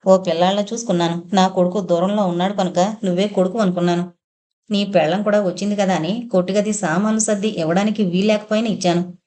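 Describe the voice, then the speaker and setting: A woman's voice: mid-range voice, fairly even intonation, fast, mellow, natural voice. A woman reading the part of an older landlady who complains and reproaches a departing tenant. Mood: reproachful.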